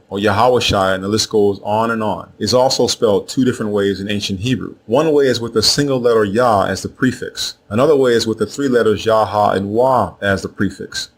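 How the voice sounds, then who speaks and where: A man narrating a scripted lesson in a measured way, spelling out letters and saying each name slowly twice. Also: fairly low pitch. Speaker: teacher of Hebrew names.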